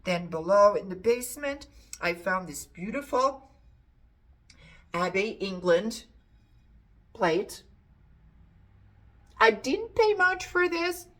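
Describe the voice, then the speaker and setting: A woman's voice: medium pitch, sing-song, slow, pauses often, a bit bright. A middle-aged woman chatting to camera about an antiques haul, repeating words for emphasis. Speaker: antiques reseller showing a haul. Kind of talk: casual chat to camera.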